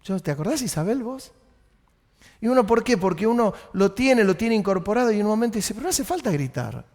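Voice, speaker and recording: A man, a pastor with an Argentine Rioplatense accent, preaching a sermon that swings between raised urgent exhortation and low quiet asides. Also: sing-song, fairly quick. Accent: Rioplatense Spanish. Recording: long church reverb.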